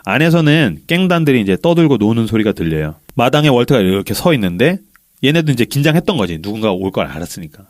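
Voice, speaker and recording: A man's voice: medium pitch, quick pace, no echo, studio quality. A man hosting a faith podcast, animatedly retelling a film scene by scene and acting out the quotes. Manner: animated storyteller, acts out quotes. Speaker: podcast host.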